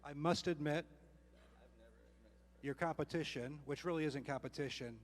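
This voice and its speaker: A man interviewing a guest on stage in a large room, speaking smoothly and slipping in joking asides. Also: a little high, moderate pace.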